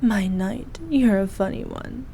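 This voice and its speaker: In an intimate ASMR roleplay, a woman plays a regal, possessive evil queen who dotes on her knight, teasing and fond. Her medium-pitched voice is formal and soft, sometimes dropping to breathy whispers, and she speaks slowly in a stately, archaic style. There is slight background noise.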